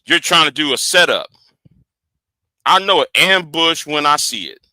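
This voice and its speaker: A man in his forties runs a heated livestream, speaking in a high, piercing, bright voice. He stammers, doubles back and repeats words as he pushes his point. The sound is close and dry, with no room around it. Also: lively intonation, normal speed, dry recording. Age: 40s. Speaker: livestream host.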